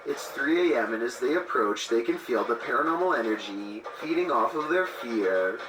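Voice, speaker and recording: A man's voice: medium pitch, animated, moderate pace, over music. A man reading scripted narration as the narrator of a scary video countdown. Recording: distant, roomy playback with loud noise.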